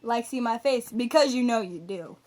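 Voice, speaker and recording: A woman's voice: fairly high pitch, expressive, normal speed, a little mellow. A young woman hosting a video in a casual, chatty vlog style. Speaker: video host.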